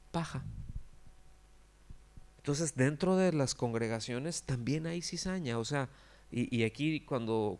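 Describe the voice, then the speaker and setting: A man, a pastor giving a conversational sermon full of rhetorical questions to his congregation. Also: medium pitch. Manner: acts out quoted characters with exaggerated cries.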